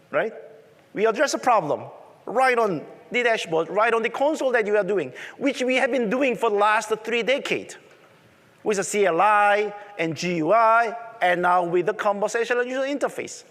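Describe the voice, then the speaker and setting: A man's voice: high voice, lively intonation, moderate pace, a bit bright. A man with a strong Korean accent and conversational non-native phrasing, presenting a technical talk at a conference. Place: large presentation room. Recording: echoey hall reverb.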